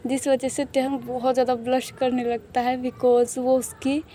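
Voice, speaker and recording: A woman narrates a love story in a casual, chatty way. Her voice is high and mellow, and she repeats herself and mixes in English words. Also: flat delivery, moderate pace, a little hiss or hum.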